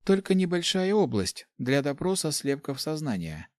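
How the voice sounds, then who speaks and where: A man voicing a gentle young woman, an apprentice assassin, speaking softly and calmly in a storybook reading. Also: on the high side, normal speed, no echo, clean studio sound, voice pushed up.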